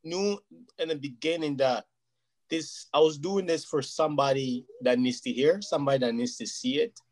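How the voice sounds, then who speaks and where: A Portuguese-speaking man, appearing as an interview guest, talks earnestly and at length in a casual chat, often asking "you know what I mean". His voice sits a little high with a darkish tone, and he speaks at a normal speed.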